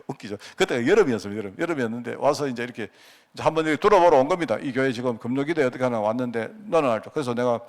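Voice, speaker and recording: A middle-aged man, preaching and telling personal stories with asides to the congregation. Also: medium pitch. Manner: anecdotal, conversational, with frequent asides to the congregation. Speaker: pastor. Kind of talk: sermon storytelling.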